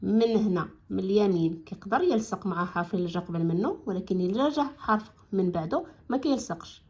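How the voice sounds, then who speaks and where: Moroccan lady teacher sounding out letters for kids, stretches words slow then talks quick, a bit dull lo-fi audio. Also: mid-range voice, a little mellow, husky. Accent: Moroccan Arabic. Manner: slow, drawn-out syllables when modelling words, quicker when explaining. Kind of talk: reading lesson for children.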